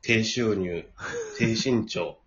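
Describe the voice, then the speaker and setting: A man's voice: lowish voice, extremely slow, a crowd in the background. A man with a Kansai accent hosting a casual comedy podcast, self-deprecating and riffing into goofy bits. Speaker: podcast host. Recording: muffled lo-fi podcast audio.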